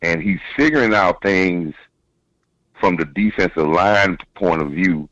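Deep voiced coach guy calling in over the phone, stops and restarts a lot, muffled dry line. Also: fairly bright tone, no echo. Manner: halting, repeats words while building a point. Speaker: caller, football coach. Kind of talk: casual sports chat.

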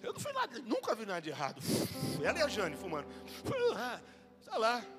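A middle-aged man with a Brazilian Portuguese accent preaching a humorous testimony sermon. He tells the story in a lively way and acts out the people he quotes. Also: sits high, fairly quick, music in the background.

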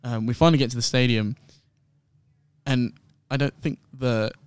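A young man, guest host on a podcast, telling a long story in excitable, rambling casual chat full of fillers. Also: medium pitch, normal speed, smooth, no room sound. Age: young adult.

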